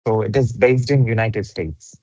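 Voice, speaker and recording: A man hosts a podcast interview over a video call, asking questions politely and hesitantly. His voice sits fairly low, and the audio is dull, lo-fi and dry. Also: normal speed, darkish tone, no room sound. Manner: polite, hesitant with many fillers. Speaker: podcast host.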